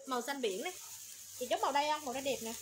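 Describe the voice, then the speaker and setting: A woman running a livestream clothing sale, rattling off colors, sizes and prices in quick, repetitive patter. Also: high voice, animated. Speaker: online clothing seller. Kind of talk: livestream sales pitch. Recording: noisy background.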